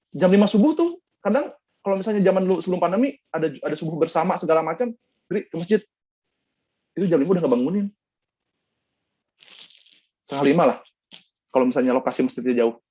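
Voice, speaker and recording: A man's voice: on the high side, mellow, highs cut off. A young man from Bandung with a Sundanese-tinged accent, giving a casual talk-show presentation and chatting with the audience as friends, lots of fillers and acted-out quotes. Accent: Sundanese-tinged Indonesian. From Bandung, West Java. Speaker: guest speaker.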